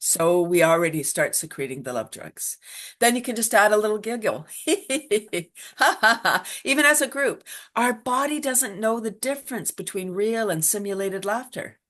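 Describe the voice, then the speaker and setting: Animated laughter yoga teacher, woman. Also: mid-range voice, moderate pace. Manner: animated, laughs often, acts out voices. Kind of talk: enthusiastic interview talk.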